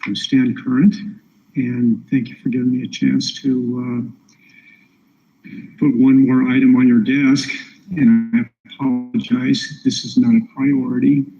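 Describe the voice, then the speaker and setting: A man in his seventies making an informal public comment, hesitant, polite and apologetic, with halting phrases. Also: mid-range voice, level tone, gravelly, mellow. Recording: dull, muffled meeting-room sound with noise.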